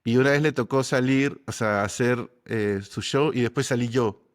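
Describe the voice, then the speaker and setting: A man from Peru with a Peruvian Spanish accent, chatting as a comedian guest in a relaxed, storytelling way, often ending phrases with a questioning tag. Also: medium pitch, normal speed. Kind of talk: casual interview chat.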